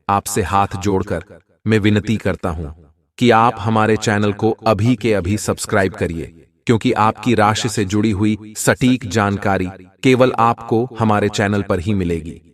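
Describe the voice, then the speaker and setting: A man's voice: lowish voice, distant mic. A man presenting astrology in scripted narration, speaking earnestly and straight to viewers as friends.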